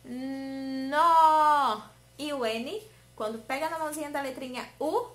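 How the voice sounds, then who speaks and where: A woman teacher giving a lesson to small children, in a sing-song way, stretching key words slowly and coaxing answers with questions. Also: high voice, animated. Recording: roomy echo.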